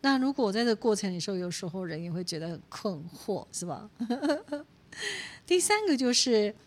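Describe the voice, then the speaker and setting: A woman in her forties, a pastor's wife with a Taiwanese Mandarin accent, gives a teaching talk packed with personal stories. Speaking at a medium pitch and moderate pace, she tells them animatedly, acts out quoted speech and laughs often.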